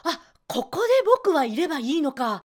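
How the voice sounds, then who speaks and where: A woman's voice: high-pitched, sing-song, moderate pace. A woman acting out a male voice-lesson student who is bubbly, grateful and delighted.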